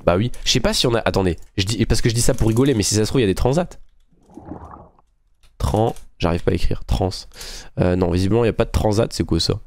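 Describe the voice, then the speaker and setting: A man with a fairly low voice talks fast as he hosts a gaming channel, offering casual commentary while building in a game. Friendly and thinking aloud, he speaks directly to his viewers.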